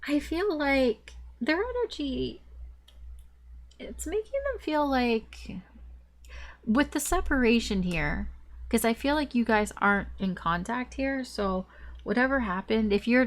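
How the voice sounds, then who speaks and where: A woman's voice: on the high side, animated, a little slow. A woman giving a casual, rambling tarot reading, her voice stuffed up and nasal as if pinching her nose. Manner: rambling, repetitive, circling back over phrases. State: congested with a blocked nose. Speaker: tarot reader.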